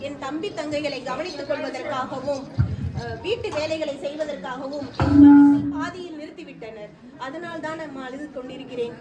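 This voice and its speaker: Woman as a weeping poor girl, pleading, high voice, distant mic, crowd behind. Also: moderate pace, close to an everyday voice. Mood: tearful. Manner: tearful pleading. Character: tearful working-class girl pulled from school. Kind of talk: Tamil street theatre acting. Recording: distant outdoor stage recording with crowd.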